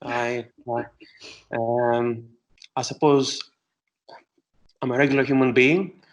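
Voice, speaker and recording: A middle-aged man from Greece, an astronomer answering interview questions with many pauses and restarts. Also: medium pitch, little pitch movement, highs cut off, a little hiss or hum. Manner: hesitant, many fillers and restarts.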